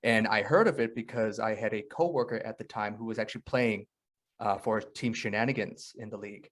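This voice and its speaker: A man with an American accent who co-hosts a casual podcast and tells stories in a relaxed way. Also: fairly low pitch, fairly quick. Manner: relaxed storytelling with fillers. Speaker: podcast co-host.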